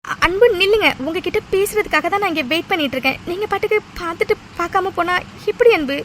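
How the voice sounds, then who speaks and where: A lovesick young female doctor, voiced by a woman in a cartoon serial, with a very high voice. She pleads tearfully and keeps saying his name. Faint noise sits behind her. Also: fast, a bit bright. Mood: pleading.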